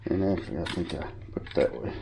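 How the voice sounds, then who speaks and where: A hobbyist gives a casual, rambling show-and-tell of his gear, sniffling a little from a cold. His voice sits low and sounds gravelly, warm and slightly rough, and he talks fast. He speaks informally, using fillers and correcting himself as he goes.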